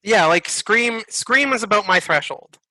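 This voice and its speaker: A young married man co-hosting a casual podcast, animated and quick to laugh. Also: high-pitched, dry recording. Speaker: podcast co-host. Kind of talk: casual chat.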